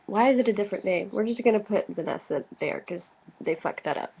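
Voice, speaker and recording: Brisk and medium-pitched, with vocal fry and a breathy edge, a woman reads aloud for comedy and trades casual banter as co-host of a dramatic reading video. She sounds slightly tipsy, profane and giggly, and the home recording is dull and lo-fi.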